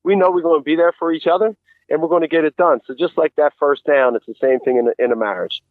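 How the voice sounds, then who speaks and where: A man's voice: a little high, fast talker, no echo. A middle-aged man comes through with a narrow, phone-like radio sound, very dry and close. He talks conversationally and earnestly, like a guest giving motivational advice, explaining his points and putting questions to the listener. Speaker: interview guest.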